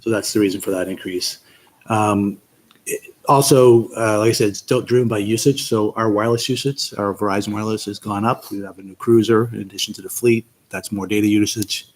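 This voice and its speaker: A man's voice: on the low side, steady tone, fairly quick, rough recording. A man, a town IT director, methodically walking a committee through budget line items with frequent ums, in a meeting recording with faint noise.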